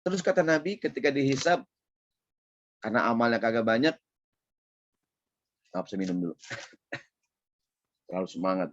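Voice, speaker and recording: A man preaching a casual sermon in a Jakarta Betawi accent, lively and playful, often checking in with his audience. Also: medium pitch, normal speed, pauses often, muffled recording, a little hiss or hum. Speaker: Islamic preacher. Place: online session.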